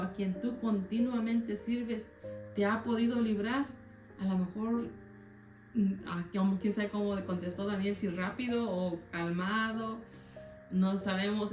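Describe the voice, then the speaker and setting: A woman's voice: mid-range voice, darkish tone. A woman leading a Bible study in earnest, conversational Spanish-language teaching, often restarting her words. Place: church meeting room. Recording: roomy church echo with faint guitar.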